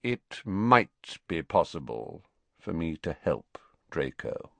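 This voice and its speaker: A man voicing a cold, guarded professor who speaks flatly and slowly in an audiobook reading. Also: rumbling low, vocal fry, no echo, pitched below the performer's own voice, heavily acted. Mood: curt. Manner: flat, slow, measured, icy.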